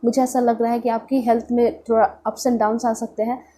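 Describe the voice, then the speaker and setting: Giving a casual tarot reading, this Indian-accented woman sounds blocked-up and nasal from a cold. Her dark voice is a little high with little pitch movement, delivered at a moderate pace. She slips English words in and uses the same check-in phrases again and again.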